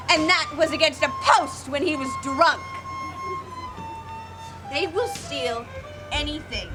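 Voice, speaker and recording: A woman playing a cheeky, scornful young serving boy in a deliberate, mocking Shakespearean stage monologue in olde speech. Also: sits high, rough recording.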